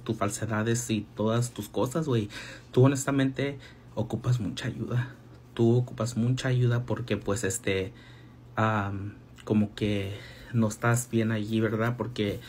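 A man's voice: lowish voice, darkish tone, a little hiss or hum. A man ranting casually as a vlogger. He slips English phrases into his talk and keeps tagging lines with a questioning aside. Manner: mixes English phrases into Spanish, often repeats "¿verdad?".

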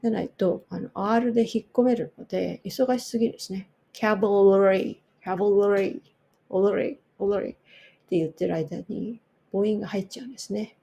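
A Japanese-speaking woman coaching English pronunciation, repeating each word slowly for drill. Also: medium pitch, vocal fry, dark tone, husky. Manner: slow, repeats words for drill. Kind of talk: pronunciation lesson.

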